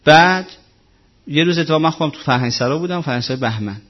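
Man giving a chatty religious talk. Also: a little high. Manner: conversational, repetitive, asks rhetorical questions. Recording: muffled lo-fi recording.

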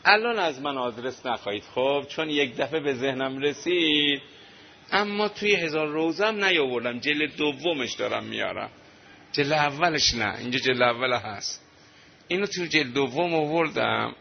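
A man's voice: medium pitch, vocal fry, slight background noise. A man preaching a sermon, speaking casually to the congregation before moving into an emotional mourning recitation. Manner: emotional, rising to a wailing lament. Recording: dull lo-fi recording with faint ambience.

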